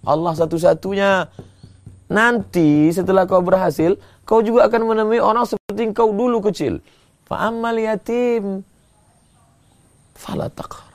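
A man preaching a sermon, moving between slow drawn-out chanting of verses and quick, emphatic scolding. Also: fairly low pitch, darkish tone. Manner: gravelly voice. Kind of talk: sermon with Quran recitation.

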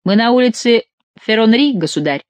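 An audiobook reader voicing a gruff, ever-grumbling male soldier companion who scolds in an irritable tone. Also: mid-range voice, lively intonation, moderate pace, no echo, pitched above the performer's own voice, close to an everyday voice. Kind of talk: audiobook character reading.

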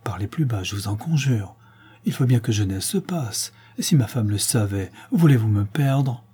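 A puffed-up middle-aged baker who brags about his firmness, as a man puts him on in a storybook reading. The voice is warm and mellow with a husky grain. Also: mid-range voice, animated, normal speed. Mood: pleading. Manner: pompous bragging. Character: vain boastful middle-aged male baker.

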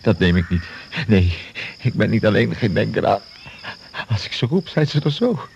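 An actor playing a confused, frightened survivor of a plane crash, alone in the jungle, in a radio play. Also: male voice, lowish voice, sing-song, normal speed, gravelly, darkish tone, highs cut off, a little hiss or hum. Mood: desperate. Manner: fearful, confused inner monologue.

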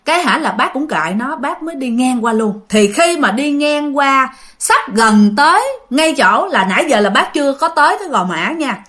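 A woman with a Southern Vietnamese accent tells a ghost story casually and chattily, talking straight to her listeners with many fillers. Her high voice is expressive and fairly bright, at a moderate pace.

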